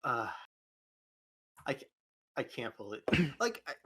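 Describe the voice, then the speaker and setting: A man rambling through casual podcast talk, leaning heavily on fillers and half-finished phrases. His tone is bright and forward. He sits at a middle pitch. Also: big pitch swings, slow pace, breathy edge. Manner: rambling, heavy use of "like".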